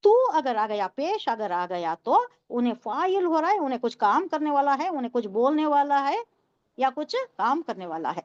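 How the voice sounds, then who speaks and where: A high-pitched woman teaches a Quran tafseer lesson, translating the Arabic phrase by phrase and stopping to quiz her students. Her voice sounds dry and close, with a slightly dull, muffled sound. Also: very animated, no echo. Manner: explains Arabic word by word, quizzes listeners.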